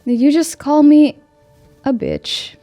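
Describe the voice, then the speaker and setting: A woman voicing an angry woman who yells and accuses others in a tabletop game. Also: high-pitched, huge pitch swings, slow pace, faint music behind, pitched above the performer's own voice, full character voice. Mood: furious. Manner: yelling, accusing. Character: furious woman, loud and demanding.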